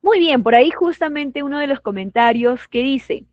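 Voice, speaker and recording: Peruvian woman as nursing instructor, high voice, lively questions to the class, muffled dry sound. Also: dry recording. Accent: Peruvian Spanish. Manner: acts out patients and staff in quick put-on voices; asks the class questions and affirms their comments. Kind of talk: online class lecture.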